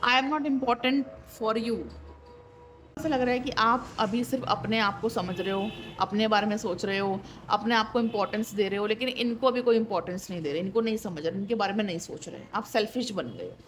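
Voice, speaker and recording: A woman's voice: medium pitch, a little hiss or hum. A woman doing a tarot reading who speaks straight to the viewer. She talks plainly and keeps checking in with her listener. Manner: direct and conversational, often checks in with "ठीक है"; repeats points for emphasis, with wry disbelief. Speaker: tarot reader.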